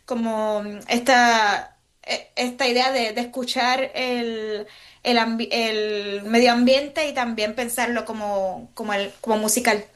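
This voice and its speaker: A woman's voice: a little high, fairly even intonation, a little slow, a bit bright. A woman from Puerto Rico with a Puerto Rican Spanish accent, a guest composer in a radio interview, thoughtful with many fillers and restarts.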